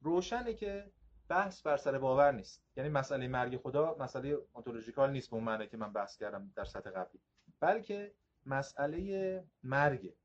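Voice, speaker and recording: A man lecturing on philosophy in a measured, reflective way, reading passages aloud and often restarting words. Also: medium pitch, animated, highs cut off.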